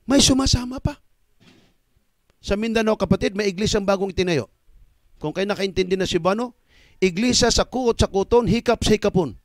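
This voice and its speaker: A middle-aged evangelist man preaching a sermon in an animated way, swinging from shouts to low asides. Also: no echo, studio quality.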